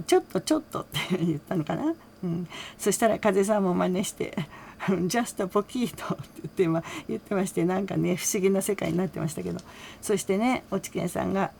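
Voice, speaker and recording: A woman's voice: medium pitch, gravelly, warm tone, slight background noise. A woman hosting her own channel, casually recapping a radio interview, talking with a lot of fillers and small laughs. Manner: chatty, relays quotes with small laughs and many fillers. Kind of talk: casual solo commentary.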